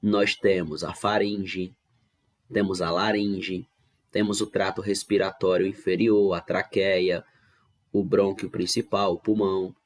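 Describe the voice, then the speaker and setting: A man's voice: sits low, little pitch movement, a little slow. A man with a Brazilian Portuguese accent teaching an online grammar lesson, patiently explaining step by step and often checking that students follow. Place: home recording for online class.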